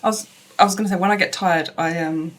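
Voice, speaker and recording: A woman with a London accent co-hosting a casual reaction video, agreeable and quick to laugh. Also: on the low side, steady tone. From United Kingdom. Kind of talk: casual chat.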